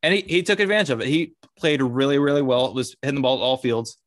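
A man's voice: mid-range voice, fairly bright tone, no room sound, studio quality. Man chiming in on sports chat. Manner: chiming in, quick interjections. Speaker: podcast co-host.

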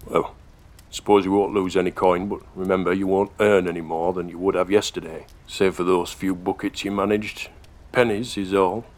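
A man voicing a kindly but brisk middle-aged mine overseer who speaks in a fatherly way. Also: low-pitched, little pitch movement, a little mellow, natural voice. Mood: gruffly practical. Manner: brisk, fatherly, calls the boy lad.

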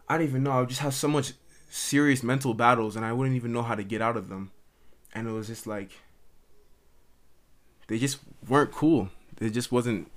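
A man's voice: fairly low pitch, a bit bright. A young man hosting his own podcast from his mother's house, talking earnestly and ramblingly into the camera, with lots of "like" and restarts. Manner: earnest, rambling, heavy use of "like". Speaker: podcast host. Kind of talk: casual solo monologue. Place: at home in his mother's house, dimming light. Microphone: camera recording.

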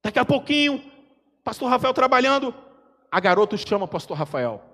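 A Brazilian man from Espírito Santo preaching a sermon as pastor, his voice climbing to shouts and dropping to quiet asides. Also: very high-pitched, very animated, brisk. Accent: Brazilian Portuguese, Espírito Santo. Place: church hall. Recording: long church hall reverb.

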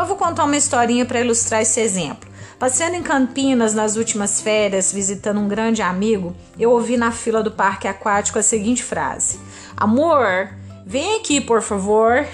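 A woman from Brazil with a Brazilian Portuguese accent, teaching English pronunciation on a podcast, modelling words slowly and deliberately. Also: a little high. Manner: slow, deliberate, drawn-out word modelling.

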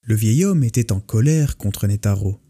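A man narrating a folk tale in a calm, measured way. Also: on the low side. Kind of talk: storybook narration. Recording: faint music behind the voice. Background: faint music.

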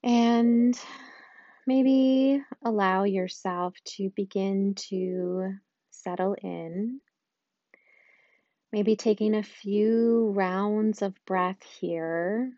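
A woman guiding a loving-kindness meditation in a slow, soft and soothing way, with long pauses. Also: mid-range voice, dry recording, lo-fi sound. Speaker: meditation guide.

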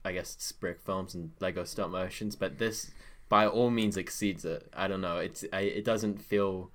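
A man's voice: low voice, steady tone, moderate pace, a bit bright. A young man on a podcast, gushing about a film in rambling casual chat full of fillers. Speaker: guest.

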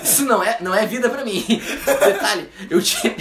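Man, somewhat high voice, lively laughing storyteller, echoey room. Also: moderate pace, slight background noise. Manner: animated, laughing often, colloquial. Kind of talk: casual storytelling chat.

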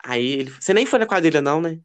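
A man co-hosting a podcast, telling gossipy stories in a casual, animated way. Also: very fast, clear, resonant tone. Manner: expressive, lively pitch. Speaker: podcast co-host. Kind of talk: casual chat.

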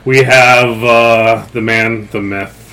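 A man's voice: mid-range voice, steady tone, slow pace, bright, forceful tone. A man hosting a casual talk show, teasing his guests and laughing often. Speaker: podcast host. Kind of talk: casual chat.

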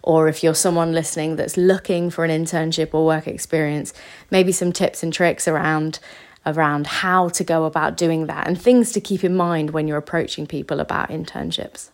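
Podcast host, a woman with a slightly low voice, congested and soft-spoken, chatty solo episode. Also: fairly even intonation. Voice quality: soft, half-whispered delivery. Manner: chatty, with quick asides and restarts. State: stuffy, congested from a cold. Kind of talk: casual solo podcast talk.

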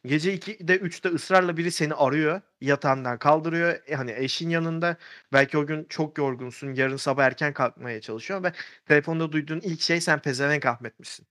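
A man tells a story in a loose, rambling way, filling gaps with "uh" and starting over mid-sentence. His voice sits a little high for a man. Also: a little fast, fairly bright tone. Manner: rambling, many fillers and restarts. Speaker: podcast storyteller. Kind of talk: casual storytelling chat.

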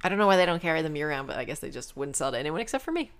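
A woman in casual chat, telling stories in an animated, chatty way. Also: low voice, very fast, smooth.

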